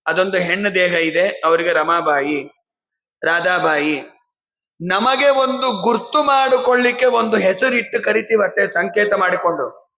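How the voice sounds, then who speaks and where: Man, devotional discourse, slow measured chanting, high bright voice. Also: vocal fry, echoey room, a little hiss or hum, poor audio. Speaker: Bhagavata discourse speaker. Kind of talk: devotional discourse with chanted verses and sung hymns.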